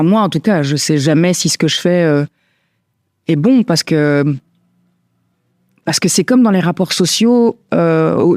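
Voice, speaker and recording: A woman in her forties, a podcast guest, talking things through in a casual, reflective way, full of pauses, fillers and restarts. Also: on the low side, a little mellow, no echo, clean studio sound. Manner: hesitant, many fillers and restarts. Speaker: guest, stylist and entrepreneur.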